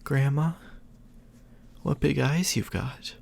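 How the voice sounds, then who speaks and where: Guy doing a little storybook girl, higher voice, innocent n polite, exclaiming. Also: takes it slowly, gravelly, full character voice. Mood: wondering. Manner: bright, naive, exclaiming.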